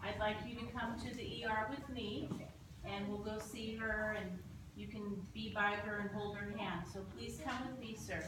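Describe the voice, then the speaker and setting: Lady as calm supportive hospital staff lead, training drama, far mic, noisy. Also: medium pitch, moderate pace, close to an everyday voice. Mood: gently reassuring. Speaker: staff member leading support and debrief. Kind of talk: acted medical training scenario. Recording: echoey room, distant mic, noisy.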